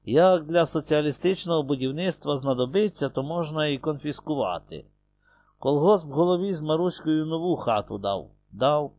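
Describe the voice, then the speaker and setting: A man's voice: on the high side, expressive, normal speed, a little mellow, no echo, pitched above the performer's own voice. A man voicing a middle-aged village party secretary who argues in a stubborn, dogmatic way. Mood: argumentative. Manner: argumentative, dogmatic.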